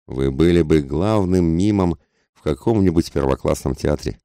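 Man reading a cold sardonic gentleman. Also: very deep voice, moderate pace, dry recording, clean studio sound. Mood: cold mocking. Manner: cold and cutting.

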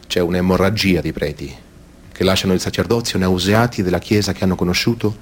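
A man with a deep, steady voice reads briskly from a script for a documentary radio play. His testimony and narration present male and female witnesses recounting abuse by priests.

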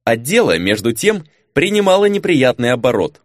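A man narrating a fantasy audiobook with an expressive reading. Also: medium pitch, normal speed, no room sound, studio quality.

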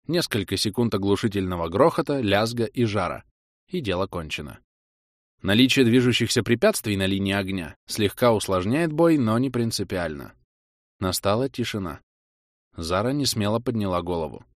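A male narrator reads a science fiction audiobook in a steady, measured way. His voice sits on the low side. The sound is dry and close. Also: no echo.

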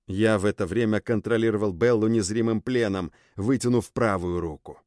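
A man narrating a dark audiobook in the first person, expressive and intense. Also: fairly low pitch, moderate pace, dry recording, clean studio sound.

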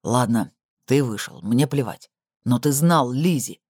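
A man's voice: mid-range voice, fairly even intonation, normal speed, a little mellow, no room sound, studio quality, lightly acted. A man voicing a desperate, hot-tempered ex-convict man who makes curt demands. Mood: demanding.

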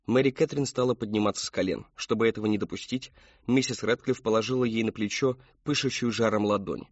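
A man reading an audiobook in measured scripted narration. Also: on the low side, no room sound. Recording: dull dry studio read.

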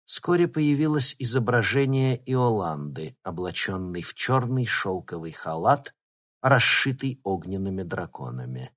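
A man reading an audiobook in steady, dramatic narration. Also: low voice, unhurried. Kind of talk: scripted narration.

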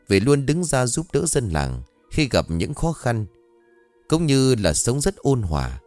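A man narrating a ghost story in an expressive, dramatic storytelling manner. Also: lowish voice, no room sound.

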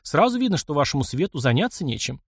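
A man's voice: fairly high pitch, very animated, fast talker, husky, dry recording, clean studio sound, full character voice. A man doing a blunt young engineer. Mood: surprised. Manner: blunt, plain-spoken. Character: young male engineer, blunt, kind, gruff. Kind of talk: audiobook character voice.

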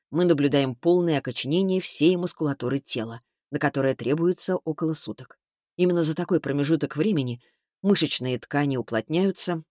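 A man reading an audiobook, voicing a blunt expert man who explains things in a lowered, matter-of-fact way. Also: darkish tone, no room sound, clean studio sound. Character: middle-aged man, dry, blunt medical expert. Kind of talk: audiobook character voice.

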